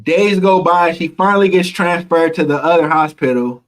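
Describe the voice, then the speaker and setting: Man, vlogger, slightly high voice, raw emotional storytelling, blunt profanity. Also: normal speed. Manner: emotional, candid, swears freely, addresses viewers as y'all. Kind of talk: personal storytelling vlog.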